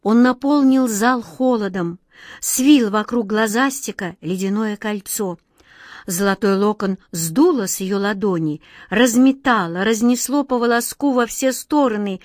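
A woman narrating a fairy tale audiobook in a gentle, expressive, measured way. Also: mid-range voice, no echo, studio quality. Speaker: storyteller.

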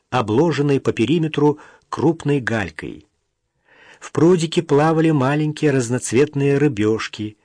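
A man narrating an audiobook in a steady, even storytelling manner. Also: mid-range voice, no room sound, clean studio sound.

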